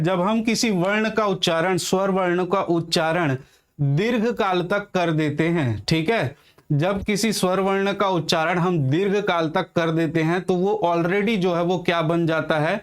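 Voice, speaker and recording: A man giving a grammar lesson, asking his students questions and answering them himself, and dictating definitions slowly word by word. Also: high-pitched. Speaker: Hindi grammar teacher. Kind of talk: classroom-style grammar lesson.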